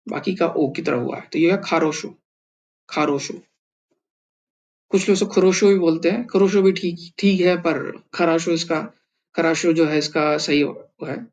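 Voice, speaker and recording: A man's voice: a little high, creaky, darkish tone, dull audio. A man teaching a language lesson, patiently sounding out each syllable one at a time. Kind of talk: explaining and spelling out syllables slowly.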